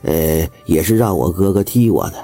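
A male storyteller voicing a lazy, drowsy young man who mumbles slowly as if half asleep. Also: mid-range voice, very animated, warm tone. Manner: slow, mumbling, yawning, indifferent.

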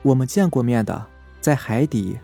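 A man voicing a sorrowful drowned young ghost girl in a horror story, speaking softly and plaintively. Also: mid-range voice, moderate pace, vocal fry, slightly rough, soft background music. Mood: mournful. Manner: soft, plaintive, confessing.

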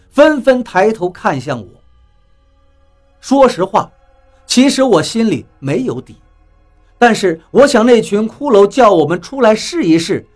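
A man tells a first-person story with a high, animated voice that rises and falls with the drama. His delivery is expressive and theatrical, and faint music plays under the narration.

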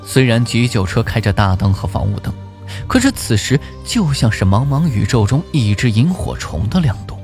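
A male storyteller narrating with an expressive, suspenseful delivery, his pitch rising and falling a lot. His voice sits at a middle pitch, and soft music plays quietly behind him. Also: normal speed. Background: faint music.

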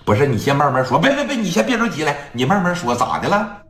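A man's voice: on the high side, very animated, quick pace, fairly bright tone. A man voicing a bossy older woman gang elder who lectures and scolds with indignant boasting. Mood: scolding. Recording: echoey room, faint music.

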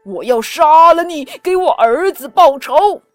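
A woman's voice: high-pitched, lively intonation, measured pace, no echo, faint music behind, pitched above the performer's own voice. A woman voicing an angry, grieving old dragon king who threatens in a storybook tale. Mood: vengeful.

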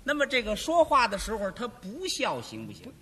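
Man, crosstalk straight man, short prompting questions, very bright high voice. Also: wildly swooping pitch, normal speed, husky. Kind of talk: crosstalk comedy routine.

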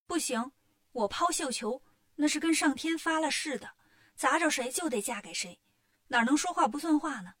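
A stubborn young princess, as a woman storyteller voices her, firm and insistent. The voice sits fairly high. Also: lively intonation, moderate pace, a bit bright.

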